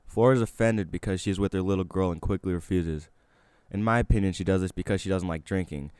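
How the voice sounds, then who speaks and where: Low-voiced man reading an essay. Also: quick pace, darkish tone, clear, resonant tone, no room sound. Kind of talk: scripted essay narration read aloud.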